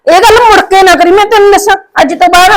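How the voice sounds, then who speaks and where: A woman playing a sharp-tongued young wife. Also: very high voice, steady tone, fast talker. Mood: indignant, scolding. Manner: scolding, indignant retorts. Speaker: daughter-in-law.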